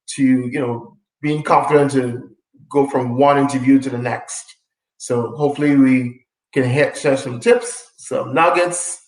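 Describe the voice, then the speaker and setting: A man from Trinidad and Tobago speaks as co-host in a casual, friendly chat, often pausing on ums and uhs. His voice sits at a middle pitch. The sound is roomy and echoey, as on a video call. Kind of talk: casual self-introduction on a live stream.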